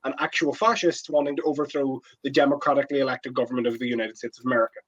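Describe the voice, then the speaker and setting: A man's voice: medium pitch, steady tone, highs cut off. A man co-hosting a podcast, arguing politics in a heated casual chat with many restarts. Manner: heated, rapid, stumbling restarts. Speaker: podcast co-host.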